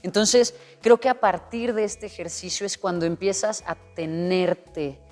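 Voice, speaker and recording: A woman's voice: medium pitch, steady tone, measured pace, darkish tone. A woman speaks as an interview guest, earnest and explanatory, now and then voicing an imagined inner dialogue. Her voice carries a long reverb tail, and faint music plays underneath. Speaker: guest coach. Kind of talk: interview conversation.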